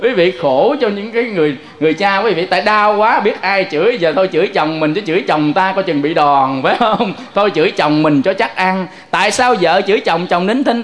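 High-voiced male preacher. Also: brisk, hardly any pauses. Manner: lively storytelling, addressing listeners directly. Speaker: Buddhist preacher. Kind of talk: sermon.

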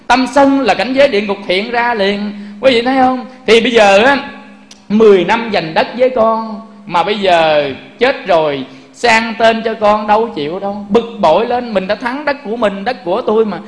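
A Buddhist preacher with a high-pitched voice delivers a sermon at normal speed, often turning to the audience with rhetorical questions. The room is echoey.

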